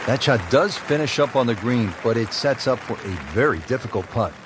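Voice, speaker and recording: A man working as a golf play-by-play commentator, calling shots in short, measured phrases. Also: medium pitch, animated, crowd noise, background noise, lightly acted. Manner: addresses his co-commentator by name, short measured calls.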